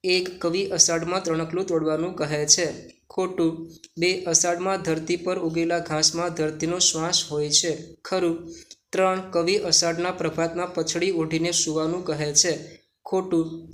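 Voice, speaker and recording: A man reading out school assignment answers for students, question by question, in steady dictation. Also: on the high side, a little slow. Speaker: teacher.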